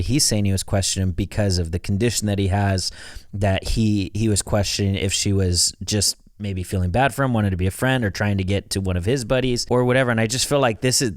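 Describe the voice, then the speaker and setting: Guy reacting to a video, earnest and emphatic, lowish voice, dry close sound. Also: no echo. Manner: earnest, emphatic commentary to viewers. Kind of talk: reaction commentary.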